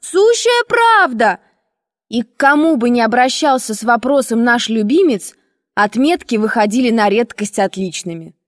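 A woman narrating a first-person audiobook in a measured, expressive storytelling manner. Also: on the high side, no echo, studio quality, long reverb tail.

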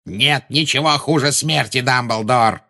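A man reading a storybook and voicing a cold, menacing male dark wizard who snarls his words with contempt. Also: mid-range voice, big pitch swings, takes it slowly, full character voice. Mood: snarling.

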